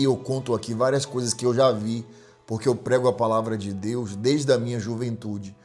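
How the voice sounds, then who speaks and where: A man's voice: mid-range voice, a little mellow. A middle-aged man preaching as a pastor, telling a story with emphatic repetition. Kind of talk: sermon with storytelling.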